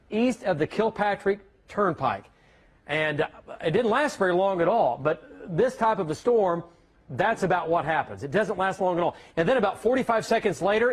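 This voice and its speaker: A man's voice: sits high, breathy edge. A man giving unscripted live TV storm commentary, repeating himself and tagging phrases with questions. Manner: repetitive, checking with "right?" and "okay?". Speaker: TV weather reporter.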